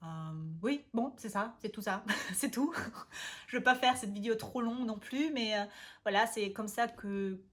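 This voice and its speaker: A woman from Austria, talking casually to camera as a language vlogger, often pausing to search for words and restarting. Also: on the high side. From Austria (Vienna). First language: German.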